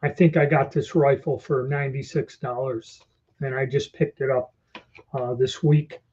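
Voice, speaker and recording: Mellow, dull-sounding man with slightly impeded speech. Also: medium pitch, steady tone, moderate pace. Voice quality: slightly impeded speech from new false teeth. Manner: rambling, conversational. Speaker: livestream host. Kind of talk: casual livestream chat answering viewers. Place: small storeroom or office, indoors. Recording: dull lo-fi livestream audio.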